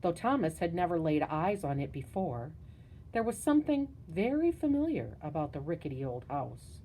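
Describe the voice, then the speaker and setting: A woman narrating a spooky children's story in a measured, hushed storytelling manner. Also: lowish voice, sing-song, a little hiss or hum, low-quality recording. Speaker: audiobook narrator.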